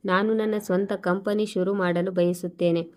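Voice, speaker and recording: Cold ambitious young husband from a storybook tale, read by a woman narrator, flat and even, level tone. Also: medium pitch, normal speed, lightly acted. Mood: earnest.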